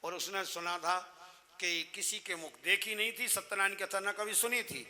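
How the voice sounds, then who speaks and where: A man telling a devotional folk story in an animated, conversational way as a religious storyteller. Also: high-pitched, moderate pace, long reverb tail.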